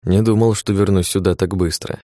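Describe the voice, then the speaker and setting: A man voicing a weary, sardonic male dark mage who talks with dry, tired sighs. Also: low-pitched, fairly even intonation, fairly quick, no echo, close to an everyday voice.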